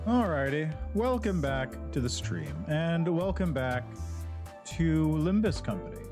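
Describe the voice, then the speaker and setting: A man's voice: on the high side, expressive, unhurried. Rambling male streamer on a headset mic. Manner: rambling, loose, lots of "like" and restarts. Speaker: game streamer. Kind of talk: casual livestream chat over gameplay. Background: game music.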